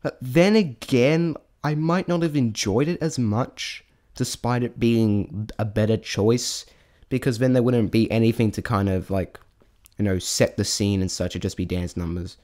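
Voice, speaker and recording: A man with a mid-range, somewhat dark voice gives an off-the-cuff spoken review at an unhurried pace. He's an amateur reviewer airing his opinions, rambling and hesitant, often stammering and dropping thoughts halfway through.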